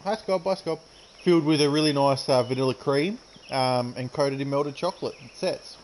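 A man's voice: mid-range voice, normal speed, darkish tone, a little hiss or hum, rough recording. A man chatting casually and joking while streaming a golf game, often laughing. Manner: joking, laughs often, talks with his mouth full. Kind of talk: casual gaming chat.

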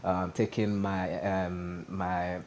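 A Nigerian-accented stand-up comedian chats casually as a guest on a TV studio set. His low voice moves slowly, he's animated and gestures a lot, often asking "you understand?", and there's slight background noise.

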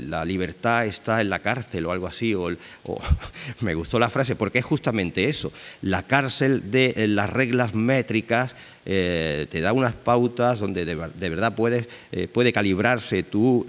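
An older man giving an academic conference lecture on poetry, talking in a digressive way with many fillers and tag questions into a desk microphone. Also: fairly low pitch. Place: large lecture hall. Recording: reverberant hall.

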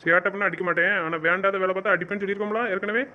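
A man's voice: high-pitched, flat delivery, rapid-fire, a little hiss or hum. A man in a romantic audio drama, scolding and teasing his partner in a bossy way. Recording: dull lo-fi recording.

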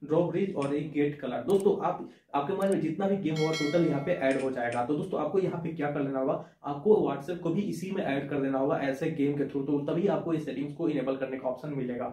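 A young man, a tech tutorial host, walks viewers through a phone tutorial on camera step by step, repeating his points and talking to them like friends. His voice is mellow and fairly high, and he speaks a little fast. He's in a small indoor room with shelves, and the recording has that echoey small-room sound.

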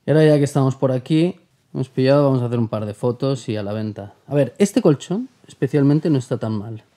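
A man's voice: medium pitch, expressive, fast talker, warm tone, dry recording. A man in his thirties vlogging while driving and touring an apartment, chatty and joking, talking with his hands. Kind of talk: casual vlog talk. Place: inside a car and an apartment, outdoors in mountains. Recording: music bed under the voice.

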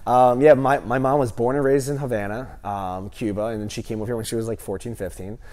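A man in his thirties, a gym owner, answering interview questions with animated stories and lots of fillers, on a lapel mic in a large gym. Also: mid-range voice, fast. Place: large empty gym, indoors.

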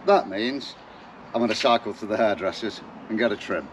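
In a garden and at times inside a wooden shed workshop, a man in his forties from Derbyshire presents his bike restoration. His broad East Midlands accent comes through as he chats casually, jokily and slangily to camera. The voice is lowish and moderately paced, with a little hiss or hum.

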